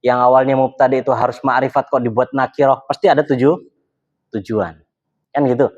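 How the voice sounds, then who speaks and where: A man's voice: medium pitch, steady tone, a little fast, darkish tone. A male Islamic religious teacher, explaining in a casual talk and answering his own rhetorical questions. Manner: asks rhetorical questions and answers them himself. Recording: slightly dull lo-fi sound.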